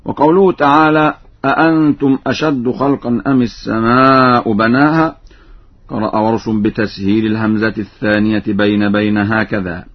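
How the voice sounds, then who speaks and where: Measured male recitation teacher, lo-fi radio. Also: lowish voice, fairly even intonation. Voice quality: slow, drawn-out chanting of the quoted verses. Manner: measured, didactic. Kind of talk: explaining recitation variants with chanted examples. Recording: dull, lo-fi radio recording.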